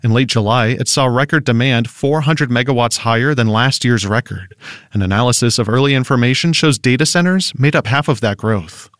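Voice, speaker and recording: Steady male radio reporter, dry read. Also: medium pitch, a little fast, no echo. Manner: steady, informative delivery. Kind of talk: scripted news narration. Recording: dry studio voice-over.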